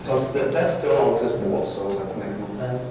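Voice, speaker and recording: Echoey distant man presenting. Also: mid-range voice. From Peru. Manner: halting, searching for words, self-correcting. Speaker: guest speaker, art faculty lecturer. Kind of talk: conference presentation. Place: large brick-walled event room, indoors. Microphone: far room camera, no mic. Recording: very echoey room, distant mic, background noise.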